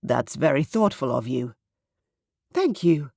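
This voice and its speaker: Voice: mid-range voice, very animated, slow, creaky, dark tone, no room sound, studio quality, exaggerated voice. A narrator doing a stiff, weary king. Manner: stiff, formal. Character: weary, formal young king.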